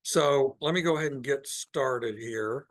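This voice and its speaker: Speaking at a medium pitch, a man walks a live audience through slides in a casual meeting-room presentation, thinking out loud and stopping often along the way.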